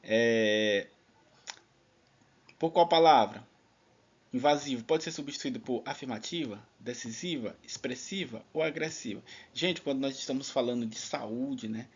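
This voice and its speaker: A man's voice: medium pitch, a little slow, husky, dull audio. A man teaching an online exam-prep lesson in a chatty, casual way, leaning on filler tags.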